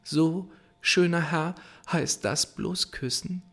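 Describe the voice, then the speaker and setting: A man voicing a flustered young peasant girl in a high falsetto, pleading fretfully. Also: slow, fairly bright tone.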